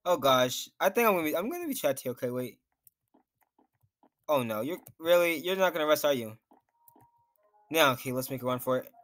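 A man's voice: on the high side, expressive, brisk, long pauses, a bit bright, faint music behind. A young man commenting nervously on his own gameplay as a YouTuber, talking to himself and reacting to what happens on screen. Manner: jittery, nervous, talks to himself while playing. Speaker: gaming YouTuber.

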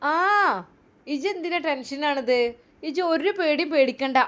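A woman's voice: sits high, unhurried. A woman voicing a doting elderly mother-in-law in a Malappuram accent, fond and fussing. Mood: tender. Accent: Malappuram Malayalam.

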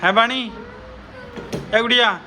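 A woman's voice: on the high side, slow pace, sharp tone, slight background noise, poor audio. A woman with a Punjabi accent, filming a casual family vlog and coaxing and teasing her children with questions.

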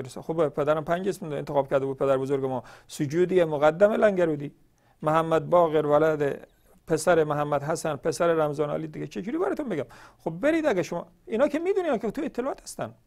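A man's voice: fairly high pitch, vocal fry, darkish tone. A man from northern Iran hosting a religious question-and-answer show, arguing emphatically with many rhetorical questions. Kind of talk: televised polemical monologue.

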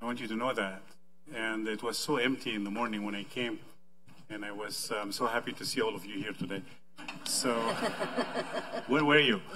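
A man's voice: lowish voice, normal speed, background noise. A middle-aged man, a university dean, giving a friendly panel presentation seated at a table in a conference room.

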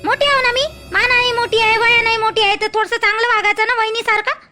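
A woman with a rural Maharashtra Marathi accent playing a complaining wife in a village family skit, exasperated and quick to protest. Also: very high-pitched, flat delivery, over loud music. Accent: Marathi dialect of rural Maharashtra.

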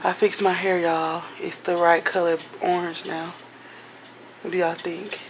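A woman's voice: on the low side, level tone, unhurried, slight background noise, rough recording. A young woman vlogging at home, chatting casually to her viewers, profane and exasperated. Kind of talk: casual vlog chat.

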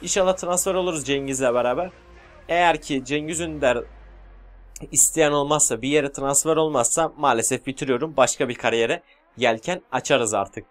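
A man casually commentating his own football video game, joking and yelling when he scores. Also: medium pitch, normal speed, soft background music. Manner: excitable, shouts at goals, jokey. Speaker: gaming YouTuber.

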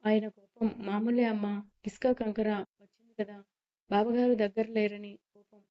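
A woman playing a gentle coaxing mother-in-law. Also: mid-range voice, level tone, normal speed, close to an everyday voice. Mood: tender. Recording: slightly muffled lo-fi recording.

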